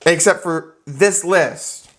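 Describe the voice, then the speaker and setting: A man teaching a real estate class, lecturing in an animated, joking way and acting out little scenes for the students. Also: fairly high pitch, slow. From United States. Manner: animated, joking, acts out characters.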